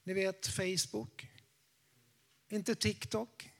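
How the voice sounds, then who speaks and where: High-voiced, jokey male preacher. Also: flat delivery, gravelly. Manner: jokey, chatty, checks in with the audience. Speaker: evangelist preacher. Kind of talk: sermon with testimony to a congregation.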